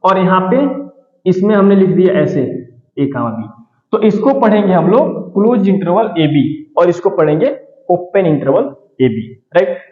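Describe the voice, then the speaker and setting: A man's voice: high-pitched, expressive, measured pace, echoey room, big-room sound, narrow, tinny audio. A man teaching a math lesson, explaining patiently and often ending his points with "right". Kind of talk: classroom-style lesson explanation.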